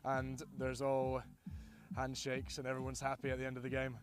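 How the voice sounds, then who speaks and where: A young man doing chatty live rugby commentary from beside the pitch, laughing often as he talks. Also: monotone, moderate pace.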